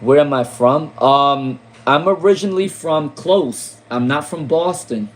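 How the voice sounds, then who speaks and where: A man's voice: fairly high pitch, expressive, measured pace, poor audio. A man from Rhode Island giving casual tarot readings on a live stream, repeating names and questions with many fillers. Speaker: tarot reader.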